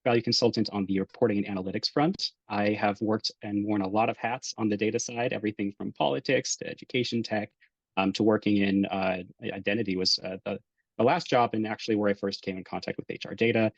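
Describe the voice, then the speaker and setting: A man with a low, husky voice introduces himself in a friendly, halting way with many fillers. He talks into a phone, so the sound is dry and muffled. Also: steady tone, dry recording. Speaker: value consultant. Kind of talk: webinar self-introduction. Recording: dull, dry phone audio.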